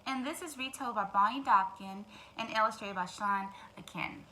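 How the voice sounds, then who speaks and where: Reading a story aloud to young children, a teacher uses a mid-range voice at a moderate pace, full of expression, and turns to address them directly with asides. The audio quality is poor and background noise is clearly audible.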